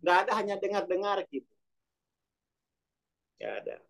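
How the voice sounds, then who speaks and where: A man's voice: sits high, normal speed, a bit bright. A man giving an informal, rambling self-development lesson over a video call, speaking in a loose, colloquial way.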